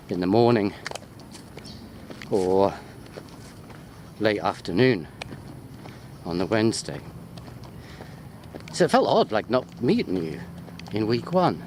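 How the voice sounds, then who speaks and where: A man from the United Kingdom, a university lecturer, talks casually and without a script while walking through botanical gardens, filming on a handheld wide-angle sports camera. His voice is fairly low with a darkish tone; he's jokey, rambling and readily distracted. Walking-outdoors ambient noise fills the background.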